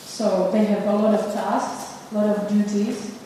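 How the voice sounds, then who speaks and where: A woman from the Republic, speaking at a conference in a measured, slightly halting way. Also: medium pitch, flat delivery, warm tone, slight background noise. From Czech Republic. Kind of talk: panel statement. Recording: echoey hall from far off.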